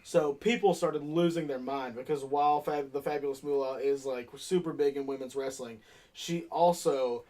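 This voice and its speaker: A man's voice: mid-range voice, normal speed, a little mellow. A man co-hosting a casual podcast, brash and profane as he chats with friends. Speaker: podcast co-host. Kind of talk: casual chat.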